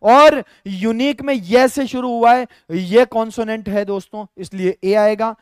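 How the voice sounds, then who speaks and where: A man's voice: high-pitched, steady tone, unhurried, smooth, no echo, studio quality. A male teacher with a Rajasthani Hindi accent, explaining grammar step by step in a live online lesson and talking to viewers as friends.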